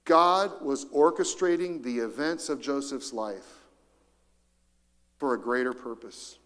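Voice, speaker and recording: A man's voice: on the high side, a bit bright. A male pastor preaching a sermon, emphatic and repetitive, inviting the congregation to read along with him. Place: church sanctuary. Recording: long hall reverb.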